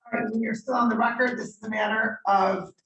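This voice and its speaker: A woman judge conducting formal court proceedings in measured, procedural questions, heard on a courtroom recording. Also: on the high side, fairly even intonation, a bit bright. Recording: roomy courtroom audio from a distant mic.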